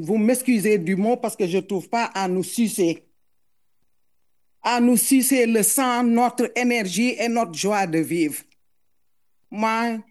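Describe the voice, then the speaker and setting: A middle-aged woman with a foreign accent gives emotional public testimony as a mother. She speaks earnestly and haltingly, repeating words as she searches for them. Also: mid-range voice, a little mellow. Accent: foreign accent in French.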